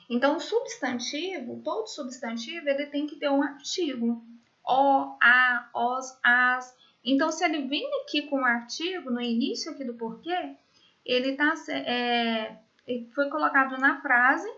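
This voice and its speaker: A woman with a high, bright voice explains a grammar point to her class, patient and methodical. She keeps checking in with short tag questions as she goes. The sound is dull and lo-fi, as from a computer mic in an online classroom. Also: measured pace. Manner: explanatory, checks understanding with frequent "né?" and "certo?". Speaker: teacher. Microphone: computer mic in a virtual classroom.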